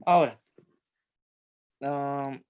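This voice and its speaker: A woman's voice: rumbling low, fairly even intonation, drawn-out words, a little mellow, smooth. A middle-aged woman with a Chilean accent teaches a Bible lesson, asking her group questions and acting out the lines of the story. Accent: Chilean Spanish.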